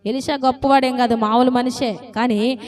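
A woman preaching a sermon to a congregation, lively and constantly asking them questions and calling for answers. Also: high-pitched, normal speed. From South India.

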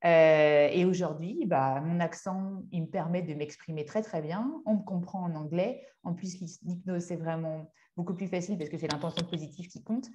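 Lowish-voiced woman giving a workshop talk. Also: warm tone, lo-fi sound. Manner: conversational, halting, searching for words. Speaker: speaker and hypnotherapist.

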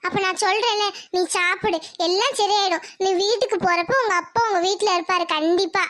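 Performer as a kind young friend in a cartoon, squeaky high, dry close sound. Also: steady tone, brisk, a bit bright, dry recording. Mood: comforting. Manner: comforting, upbeat. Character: caring young girlfriend, cheerful.

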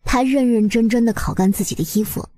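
Dry, slightly husky woman storyteller. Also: a little high, fairly quick, warm tone, no echo. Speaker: narrator. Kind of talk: expressive webnovel story narration.

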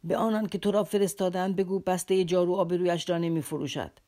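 A woman voicing a poor, proud army captain in an audiobook, talking feverishly fast with a bitter, mocking edge. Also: sits low, creaky, darkish tone, slightly rough, full character voice. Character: poor, proud, frantic middle-aged male army captain. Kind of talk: audiobook character reading.

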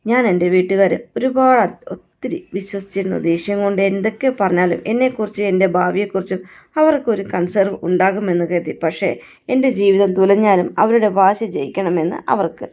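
Woman reading as a hurt young girl, reproachful, dark mellow voice, dull muffled audio. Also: mid-range voice, a little fast, creaky, close to an everyday voice. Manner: emotional, reproachful. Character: young woman, wronged daughter, defiant. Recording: dull lo-fi recording.

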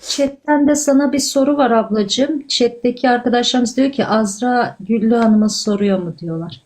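A woman with a moderately high voice takes part in a livestream panel. She puts questions casually, addressing the guest in a gentle and affectionate way. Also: moderate pace.

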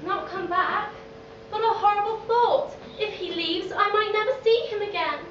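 A woman's voice: very high-pitched, moderate pace, fairly bright tone, muffled recording. A woman playing a sweet, lovestruck young Victorian lady in a stage pantomime, with theatrical projection. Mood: lovestruck, dramatic. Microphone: distant camera in the audience. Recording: very echoey theatre from far off, noisy.

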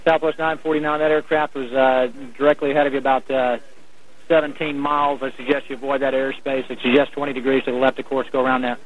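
Speaking fast and flatly in a mid-range voice, a male air traffic controller relays terse procedural commands. It comes through as a radio transmission, narrow-band and noisy like typical air traffic audio.

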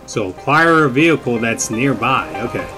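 A man's voice: mid-range voice, lively intonation, moderate pace, sharp tone. A young man giving casual, rambling gameplay commentary, often repeating his phrases. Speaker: gamer, video host. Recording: game music under the voice.

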